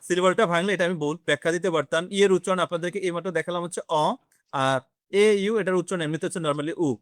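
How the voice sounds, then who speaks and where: A man with a high-pitched voice teaches a beginners' French class, recorded in a clean studio with no echo. He explains things slowly and step by step, quizzes his students, and mixes English words into the lesson.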